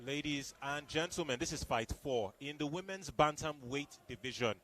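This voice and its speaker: A man's voice: on the high side, moderate pace, a bit bright. A man giving live fight commentary as play-by-play, with formal, emphatic phrasing.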